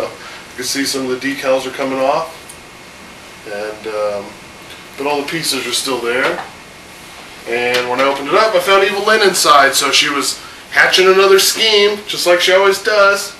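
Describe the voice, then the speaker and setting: With a head cold putting his voice slightly off, a man in his thirties loosely hosts a home video chat, chatty and rambling with fillers. He talks at a moderate pace in a slightly high voice. He is far from the set-back mic, and the room is echoey with AC hum.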